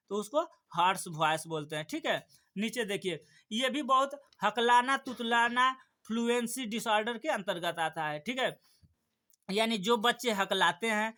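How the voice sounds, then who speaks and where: A young man with a very high, sharp voice teaches an exam-prep lesson. He repeats himself, posing rhetorical questions to the class and then answering them himself.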